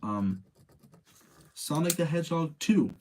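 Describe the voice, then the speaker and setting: The host of a live video game movie ranking show has a slightly high voice with a darkish tone. He sounds animated yet takes his time, chatting informally and sharing his views with listeners, over slight background noise.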